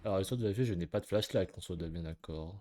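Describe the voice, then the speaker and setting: A man quietly muttering his way through a game, commenting to himself as he explores. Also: low voice, fast. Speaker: gamer. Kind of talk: let's play commentary.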